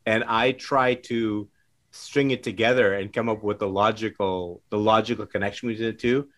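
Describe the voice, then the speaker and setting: A man hosting a podcast interview, who asks questions in a warm, enthusiastic way and often repeats himself. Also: lowish voice, steady tone, moderate pace. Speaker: podcast host. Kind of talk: interview conversation.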